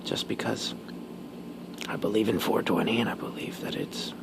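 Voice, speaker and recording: Slow, whispering man chewing gum, creaky. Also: lowish voice. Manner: chewing gum while talking; halting, pausing between short phrases. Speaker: ASMR video creator. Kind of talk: whispered ASMR casual talk.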